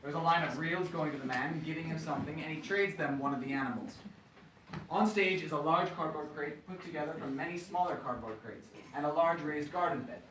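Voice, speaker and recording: A man reads the stage directions of a play in a plain, matter-of-fact way, his voice a little high. He sounds far from the mic in an echoey room with clear noise. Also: brisk. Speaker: narrator reading stage directions. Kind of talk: reading stage directions aloud. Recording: echoey, distant, noisy stage recording.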